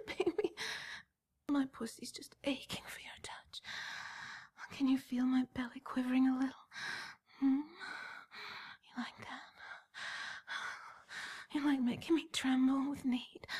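Breathy whispering woman, high voice. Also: darkish tone. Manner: breathy whispering broken by moans. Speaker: erotic audio performer. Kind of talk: whispered erotic roleplay.

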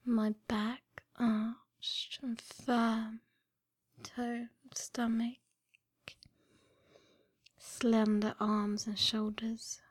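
A woman voicing a seductive, adoring dream woman in a sultry, intimate whispered role-play, with breathy narration. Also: on the high side, monotone, drawn-out words, pauses often, dry recording, studio quality, heavily acted.

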